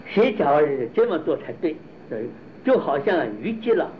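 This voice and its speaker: A man teaching Buddhist philosophy in a slow, halting lecture, often repeating and restarting his phrases and asking rhetorical questions. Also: fairly high pitch, big pitch swings, phone-quality sound, a little hiss or hum.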